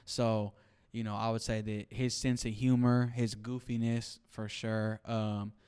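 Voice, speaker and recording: A young man in his twenties speaks as a podcast guest in a low, smooth voice. He keeps a flat, steady delivery while reflecting out loud, and he leans on fillers as he thinks. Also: unhurried. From Seattle, USA. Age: 20s. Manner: reflective, with many "like" and "you know" fillers. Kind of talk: casual interview talk.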